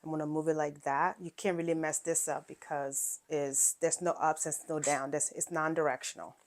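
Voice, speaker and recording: A woman with a somewhat low voice talks through a quilting project step by step. Her delivery is loose and chatty, full of fillers and quick check-ins with the viewer. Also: fairly even intonation, slight background noise. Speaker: quilting channel host. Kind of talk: casual sewing tutorial.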